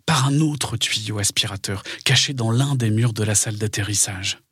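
A man's voice: on the low side, moderate pace, fairly bright tone, husky, no room sound, studio quality. A man narrating a scripted dramatic story for children.

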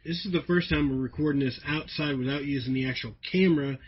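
A man's voice: on the high side, fast, husky, muffled recording. A man hosting a podcast in a casual, jokey chat, recorded outdoors on a laptop. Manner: jokey, animated, breaks into laughter. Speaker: podcast host.

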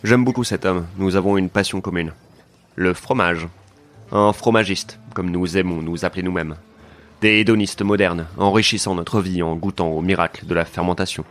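A man narrating a comic detective story in a deadpan, mock-serious way. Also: sits low, moderate pace, soft background music. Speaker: narrator and lead of a comedy podcast. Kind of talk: scripted comedic detective narration.

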